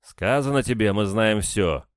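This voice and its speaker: A man voicing a gruff, impatient male interrogator who talks down to the woman he questions. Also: on the low side, lively intonation, a little fast, no room sound, studio quality, pitched above the performer's own voice, close to an everyday voice. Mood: brusque. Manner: brusque, condescending.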